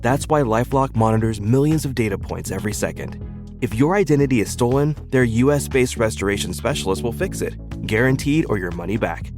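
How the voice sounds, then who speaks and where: Lively male ad announcer over music. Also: medium pitch, moderate pace. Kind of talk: scripted ad read.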